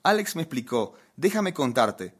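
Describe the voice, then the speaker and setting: Preaching a humorous sermon, a man tells a funny anecdote in a lively way and poses questions to his listeners. His medium-pitched voice has a breathy edge and moves at a normal speed.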